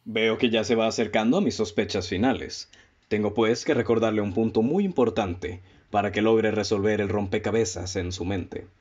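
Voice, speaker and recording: A lowish, darkish male voice with a Mexican accent performs a calm, analytical detective in a radio drama, acting only lightly. Methodical and composed, the character guides his listeners through formal literary dialogue, spoken deliberately and didactically. The lo-fi recording sounds muffled and dull.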